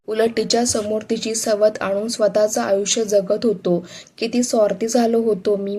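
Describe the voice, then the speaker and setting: A woman's voice: mid-range voice, a little mellow, lightly acted. A woman voicing a young husband full of guilt and remorse, read plainly in a storybook manner.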